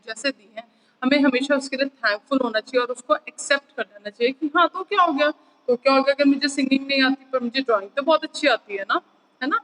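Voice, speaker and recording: Woman, Indian accent, teacher, online class, high voice, echoey reverb. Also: a bit bright. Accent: Indian English. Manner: mixes Hindi and English, coaxing "है ना?" checks.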